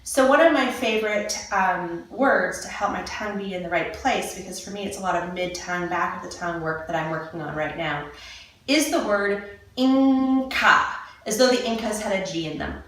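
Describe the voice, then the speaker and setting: A woman movement coach giving a casual lesson and slowly demonstrating mouth sounds. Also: on the low side, a bit bright. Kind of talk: casual instructional talk. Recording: echoey room, mic at a distance.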